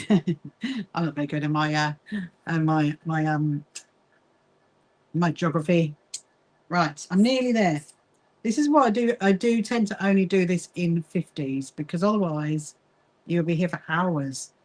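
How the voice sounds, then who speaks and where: A woman from England's south coast, speaking with a Kentish accent mixed with Sussex, hosts a quilting association's livestream. Her voice sits lowish and she talks a little slowly, with long pauses. She chats casually while sewing, greeting viewers and answering their comments.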